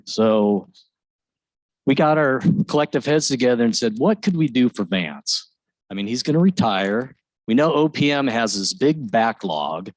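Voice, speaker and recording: A man's voice: medium pitch, no echo, low-quality recording. A man speaking for his office at a retirement ceremony, joking dryly before reading prepared thanks. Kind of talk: informal ceremonial speech with jokes.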